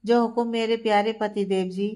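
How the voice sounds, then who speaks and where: A woman's voice: fairly high pitch, steady tone, normal speed, mellow, natural voice. A woman voicing a mischievous teasing younger sister. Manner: playful, teasing.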